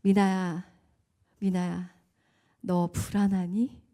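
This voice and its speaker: A woman voicing God as a slow, calm, reassuring presence speaking to a mother. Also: lowish voice, voice pushed down. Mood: gentle reassurance.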